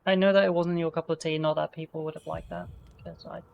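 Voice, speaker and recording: Gravelly-voiced woman streamer, dry and sweary, talking to chat while playing. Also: deep voice, fairly even intonation, fast, lo-fi sound. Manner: sweary, wry asides to chat. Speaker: gaming streamer. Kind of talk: casual live gameplay commentary.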